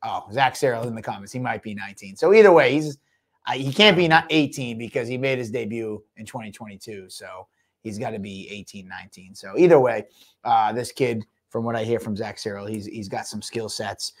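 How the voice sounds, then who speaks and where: A man's voice: lowish voice, fairly quick. A man co-hosting a fight-promotion podcast, talking casually and rambling through fighter background stories, often laughing.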